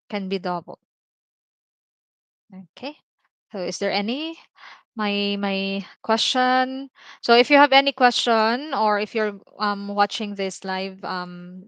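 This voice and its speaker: A woman with a Filipino accent teaching a language lesson on a livestream, explaining slowly with many repeated examples and tag words. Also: mid-range voice, fairly bright tone, clean tone, no echo. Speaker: Tagalog teacher.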